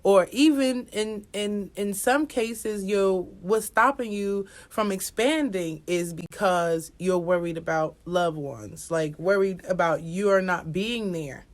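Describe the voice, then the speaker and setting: Speaking slowly with few pauses, a woman with a medium-pitched voice gives a casual astrology reading as an oracle card reader. She rambles and repeats herself, addresses viewers directly, and swears now and then.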